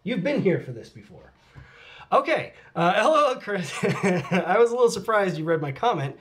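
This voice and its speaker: The middle-aged host has a high-pitched, sing-song voice that is a bit bright, delivered at a moderate pace. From home, cat beside him, he casually reads and answers fan comments, laughing often and sometimes muttering to himself.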